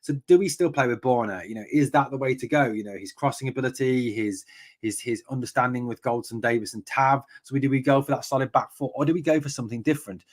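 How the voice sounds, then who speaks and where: A man's voice: mid-range voice, quick pace. Rambling English man hosting a football chat. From northeast England. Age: 40s. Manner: rambling, chatty, goes off on tangents, many fillers and restarts. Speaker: podcast host. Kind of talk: live-stream football chat. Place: room at home.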